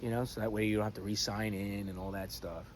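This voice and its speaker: A man chatting casually in a rambling, halting way with mild swearing, as a vlogger recording on his phone. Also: on the low side, flat delivery. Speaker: pipe-smoking vlogger. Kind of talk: rambling casual chat vlog. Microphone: phone camera. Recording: noisy phone recording with clear background noise.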